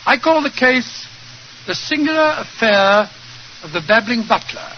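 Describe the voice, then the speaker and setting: On a muffled, noisy old radio recording, a genial older British gentleman doctor. His voice sits high, and he tells his stories in an unhurried, avuncular manner, in the style of 1940s radio drama. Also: expressive.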